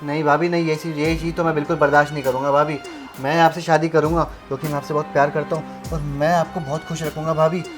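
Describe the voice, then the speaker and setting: A man's voice: a little high, little pitch movement, fast, music in the background, natural voice. A young man playing a pushy brother-in-law who coaxes and wheedles in a melodramatic short film. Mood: coaxing. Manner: coaxing, wheedling.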